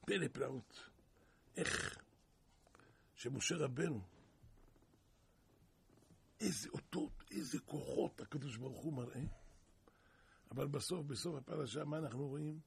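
A man giving a sermon through parables, telling stories in an animated way with sudden loud bursts of emphasis. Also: on the high side, long pauses. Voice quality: gravelly, raspy. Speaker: preacher.

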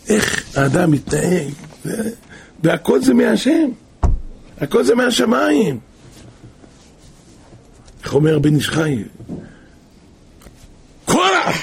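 A male preacher telling a moral tale in a lively, animated storytelling way. His voice sits a little high for a man and carries a gravelly, creaky edge. Faint room ambience lingers behind him. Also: slight background noise. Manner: animated storyteller with wide pitch swings.

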